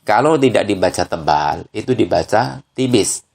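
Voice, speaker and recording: A man teaching Quran recitation rules, slow and patient, tagging each point with a short "ya" and sounding the examples out aloud. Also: on the low side, animated, vocal fry, a little mellow, slightly rough. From Indonesia. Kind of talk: tajwid lesson.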